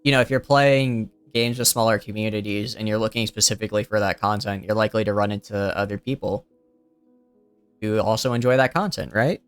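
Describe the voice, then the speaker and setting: Speaking a little fast in a fairly low voice, a young male streamer gives relaxed, rambling gameplay commentary, thinking aloud with frequent fillers and restarts. His voice comes across smooth, clean, and youthful. It is recorded close and dry, with no room sound.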